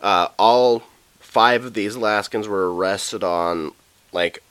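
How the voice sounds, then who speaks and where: A man co-hosting a true crime podcast, telling a case in a loose, profane, halting way with many fillers. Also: on the low side, fairly bright tone, clean tone, no echo. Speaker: podcast co-host. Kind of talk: casual true crime chat.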